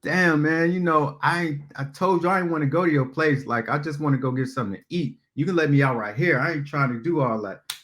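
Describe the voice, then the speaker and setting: A man's voice: on the high side, fairly quick, fairly bright tone, pitched above the performer's own voice, natural voice. A man doing an exasperated young woman. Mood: irritated. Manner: exasperated, blunt, slangy. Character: annoyed young woman on a bad date.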